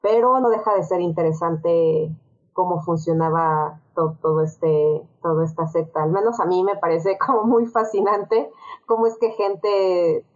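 Lower-voiced woman on a lo-fi line. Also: a little mellow. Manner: thoughtful, halting, many fillers. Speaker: podcast guest. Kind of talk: casual chat. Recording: dull lo-fi sound.

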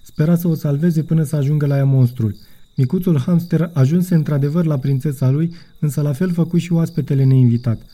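A man reading a children's audiobook as narrator, in an even storytelling manner. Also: on the high side. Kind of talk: scripted narration.

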